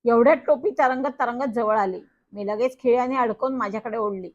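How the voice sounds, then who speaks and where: A woman narrating a children's story in the first person, in a lively, animated way. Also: on the high side, brisk. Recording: dull lo-fi recording.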